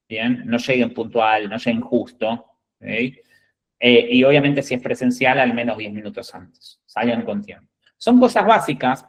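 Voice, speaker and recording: Speaking with an Argentine accent, this recruiter of executives instructs job candidates in a direct, emphatic way. He keeps asking "¿bien?" or "¿ok?" to confirm they're with him. His voice is male and medium-pitched, and the audio quality is poor.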